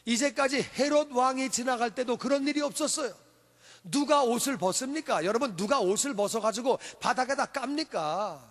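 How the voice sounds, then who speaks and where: Guy preaching, really high voice, asks the crowd stuff a lot, big echoey church. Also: normal speed. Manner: animated, emphatic storytelling with rhetorical questions. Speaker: pastor. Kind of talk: sermon. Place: church sanctuary. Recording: long church hall reverb.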